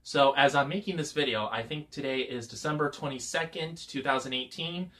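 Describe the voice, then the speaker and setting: Talking fairly quickly in a medium-pitched, somewhat bright voice, a twenty-something vlogger from Michigan, US, chats casually to the camera. He rambles, dropping "you know" again and again.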